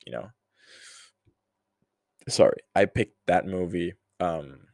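A man's voice: sits low, takes it slowly, gravelly, a little mellow, dry recording, clean studio sound. A young man in his early twenties hosting a casual solo podcast, rambling and chatty, with frequent sighs and laughs. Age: early 20s. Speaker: podcast host.

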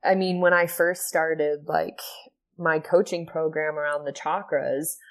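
A yoga and sound healing teacher from Ohio joins a podcast as a guest, telling her story earnestly and reflectively. Her low, soft-spoken voice has a steady tone and an unhurried pace, and she frequently fills her speech with "like" and "you know."

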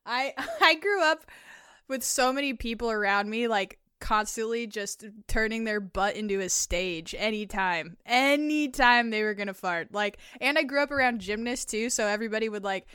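A woman's voice: a little high, moderate pace, clean tone, no room sound. Laughing woman podcast host, dry close mic. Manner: laughs often, animated reading, filler likes. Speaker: podcast co-host reading listener stories. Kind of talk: casual podcast chat.

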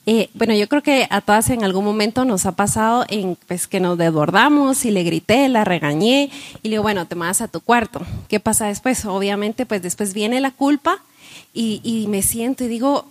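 A woman's voice: medium pitch, moderate pace. A woman in the audience asking a question, hesitant and searching for her words. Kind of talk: question from the floor.

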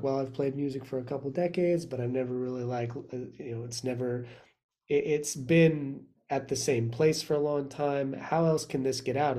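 A man's voice: medium pitch, mellow. A man co-hosting a podcast, speaking in a reflective, thoughtful way in casual chat. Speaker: podcast co-host.

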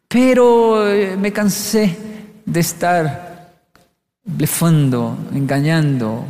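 Man, motivational speaker, high voice, acts out his stories, recorded with echo in a large hall. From Latin America. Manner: animated storyteller acting out quotes. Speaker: speaker on leadership. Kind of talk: motivational talk. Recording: long hall reverb.

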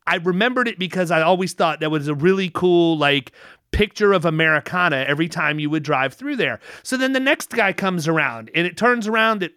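Bright-voiced middle-aged man telling rambling stories. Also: high voice, fairly quick, clean tone, no echo, studio quality. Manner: rambling, anecdotal, with restarts and lively quoted dialogue. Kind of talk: casual conversational storytelling.

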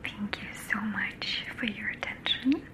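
A woman whispering softly as a flight attendant in an ASMR roleplay, checking in gently with the listener. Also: mid-range voice. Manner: soft, slow whisper with frequent gentle check-ins.

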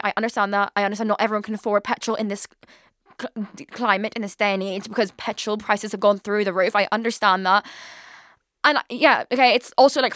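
A woman's voice: medium pitch, fairly bright tone, no echo. A woman in her twenties hosting a casual solo podcast, chatting in a rambling way with lots of fillers and swearing, recorded in a studio. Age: 20s. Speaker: podcast host. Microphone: studio mic.

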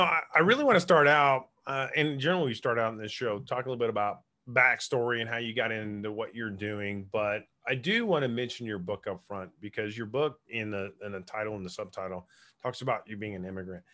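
Guy hosting a podcast, mid-pitched voice, earnest, dry close sound, rushes through his questions. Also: pushed and bright, no echo. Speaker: podcast host. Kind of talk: podcast interview.

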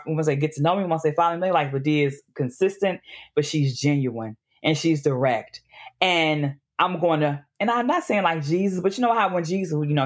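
A woman guest speaking earnestly, building to a preacherly cadence as she talks about faith. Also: sits low. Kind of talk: candid faith-based interview talk.

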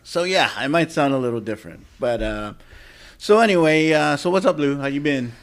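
A man's voice: fairly high pitch, a little fast. Casual male podcast host, slight missing-tooth whistle.

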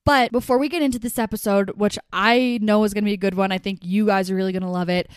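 A young woman hosting her own podcast, talking excitedly and rambling with lots of "like" fillers. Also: mid-range voice, fast, clear, resonant tone, dry recording. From New York. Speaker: podcast host. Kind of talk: casual solo podcast talk.

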